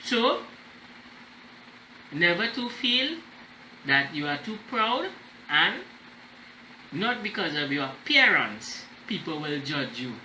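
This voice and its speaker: Speaking slowly with fairly high pitch, a male storyteller reads to children expressively, pausing for explanatory asides and to check in with his audience in an animated, deliberate way. There's a roomy echo and faint background noise.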